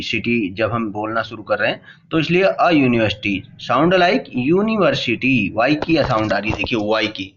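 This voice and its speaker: Male teacher with an Indian accent, mid-pitched, patient explainer who draws out the English examples slowly, dull lo-fi recording. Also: a bit bright. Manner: reads English lines slowly word by word, then explains. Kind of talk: explaining grammar in Hindi, reading English slowly.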